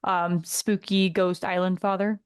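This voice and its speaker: A woman's voice: on the low side, level tone, measured pace, clear, resonant tone, dry recording. Giggly woman podcast co-host, dry sound. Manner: giggly, laughs often while talking. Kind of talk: casual chat.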